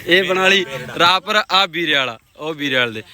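A man's voice: a little high, animated, moderate pace, a crowd in the background. A young man, chatting casually as a vlogger and bantering with friends.

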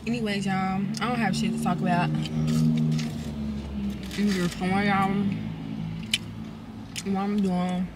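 A woman's voice: mid-range voice, flat delivery, slow, pauses often. A woman talks casually and bluntly to viewers while eating a meal, mukbang style, swearing freely inside a car. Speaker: mukbang vlogger. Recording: loud car noise behind voice.

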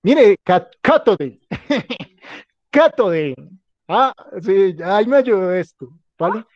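Slow and high-pitched, a male teacher delivers a casual lesson in which he keeps joking, goes back over his points, and checks again and again that students follow. No room sound is present, and the high frequencies are cut off.

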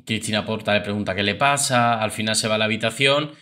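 A man talks over clips in a chatty, opinionated way. His voice is lowish and bright, and forward in tone. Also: fast talker. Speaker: host. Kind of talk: casual commentary on reality TV clips.

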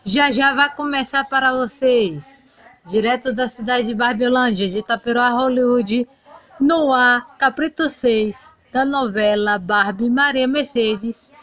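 A woman's voice: fairly high pitch, a little slow, a bit bright, highs cut off. A woman announcing the next episode of her doll soap-opera parody in a playful, upbeat way.

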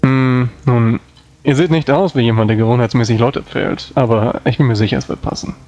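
A man's voice: medium pitch, steady tone, fairly quick, a little mellow. A man playing a tabletop role-playing game, talking in character with a dry, wry manner. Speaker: role-play player. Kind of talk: improvised in-character tabletop talk. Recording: dull band-limited sound, faint music.

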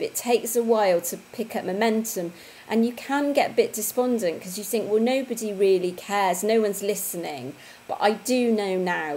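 Medium-pitched and darkish in tone, this woman runs a relaxed fitness livestream from a room in her home. She reads out viewer comments in a chatty way, dropping in tag questions, while slight noise sits in the background.

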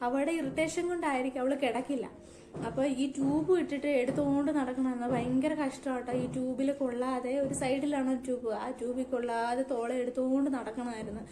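A woman's voice: high-pitched, fairly even intonation, a little fast, roomy sound, background noise. A middle-aged woman tells her family's story to camera in an emotional way, often adding "you know". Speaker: vlogger, mother.

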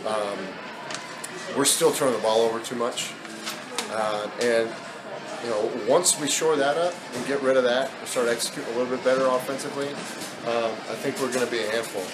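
A man's voice: medium pitch, fairly even intonation, fairly quick, background noise. A man in his thirties, a basketball head coach, talking candidly with many fillers in a postgame press interview. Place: indoor press backdrop at an arena.

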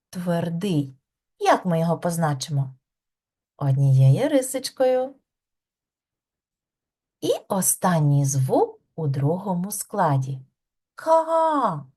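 Preschool teacher, woman, middle-aged; mellow tone, slow drawn-out questions, warm praise. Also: lowish voice. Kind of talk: preschool lesson.

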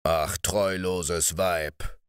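A man growling as a slow, greedy ogre. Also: animated, bright, forceful tone, no echo, studio quality, exaggerated voice. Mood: indignant. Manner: low, slow and sniffing. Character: huge, greedy man-eating giant, gruff and menacing.

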